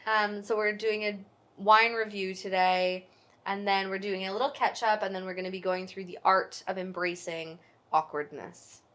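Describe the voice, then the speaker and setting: A woman's voice: medium pitch, fairly even intonation, moderate pace, sharp tone. Jokey, self-mocking woman co-host. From Canada. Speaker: podcast co-host. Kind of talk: casual chat.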